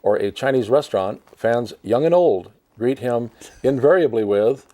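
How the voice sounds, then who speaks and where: A man hosting a talk show reads a profile aloud in a plain, even, middle-pitched voice at a normal speed. He frequently drifts into chatty asides and laughs between lines.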